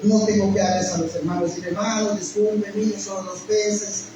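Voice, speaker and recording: A man's voice: sits high, flat delivery, moderate pace, far from the mic. A middle-aged pastor preaches a heartfelt testimony in a very echoey hall. He sounds set back from the mic, with noticeable background noise underneath. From Guatemala. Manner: emotional storytelling, addresses listeners as brother. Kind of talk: sermon testimony.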